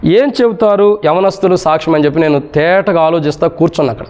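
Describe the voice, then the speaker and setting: A man's voice: fairly high pitch, fast, a little mellow. A man preaching a worship sermon, telling a story that rises to fervent emphasis.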